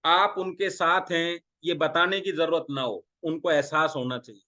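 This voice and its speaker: A man from India with a fairly high voice gives a sales training talk. He keeps putting questions to his listeners and acts out little exchanges between a seller and a buyer. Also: steady tone, moderate pace, pushed and bright. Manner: talks through role-played dialogues, asking the audience questions. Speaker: direct selling trainer.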